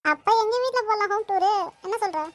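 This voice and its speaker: Chirpy cartoon girl showing off her house, boastful, super high n quick, voiced by an actor. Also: animated, fairly bright tone, no room sound, faint music behind. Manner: chatty, boastful. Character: cheeky little girl vlogger in a cartoon. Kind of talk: comic home-tour vlog narration.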